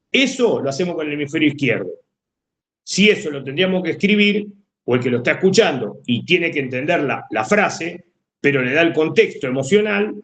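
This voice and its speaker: A man's voice: a little high, reverberant. A man teaching a class with a Rioplatense Spanish accent, explaining step by step and often checking that students follow. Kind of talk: classroom lecture.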